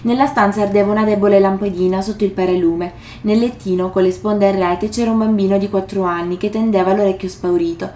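A woman's voice: mid-range voice, fairly even intonation, brisk, few pauses, darkish tone, slight background noise. A woman reading passages from a novel aloud and commenting on them casually, with hesitations and self-corrections. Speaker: book vlogger. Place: room indoors. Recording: roomy echo.

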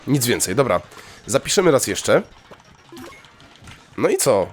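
A young man giving casual gameplay commentary, chatty and excitable, breaking into sudden high yelps when thrilled. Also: measured pace, faint music behind. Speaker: let's play gamer.

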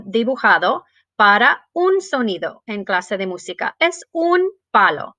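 A woman teaching a bilingual music lesson to young children, switching between English and Spanish and speaking slowly and clearly. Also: a little high, pushed and bright, dry recording. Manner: sings and chants rhythm words.

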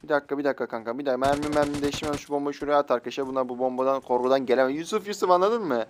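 A young man streaming a mobile shooter game, excitable, swearing and joking at other players as he plays. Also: medium pitch, racing, noisy background. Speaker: gaming streamer. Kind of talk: live mobile game commentary. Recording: faint game gunfire behind.

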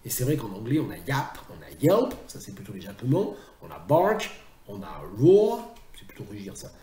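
A man's voice: mid-range voice, sing-song, moderate pace, warm tone, roomy sound. A man teaching translation in a recorded video lecture, chatty and self-mocking, often drifting into asides.

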